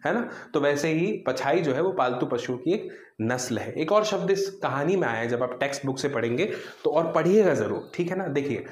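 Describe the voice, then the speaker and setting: A man's voice: on the high side, expressive, fairly quick, few pauses. A man teaching a Hindi vocabulary lesson in a friendly, conversational way, often checking in with his students. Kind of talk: explaining vocabulary in a class lesson. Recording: echoey room.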